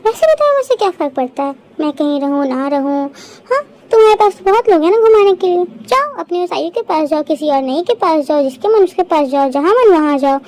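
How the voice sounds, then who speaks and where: A woman's voice: extremely high pitch, animated, a little fast, few pauses, darkish tone. A woman voicing a hurt, furious young wife who hurls bitter accusations in a fan-dub audio drama.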